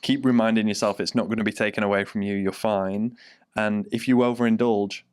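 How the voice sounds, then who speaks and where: A man's voice: lowish voice, fairly even intonation, fairly quick, smooth. A man, a fitness coach, co-hosting a casual podcast and talking bluntly, swearing freely.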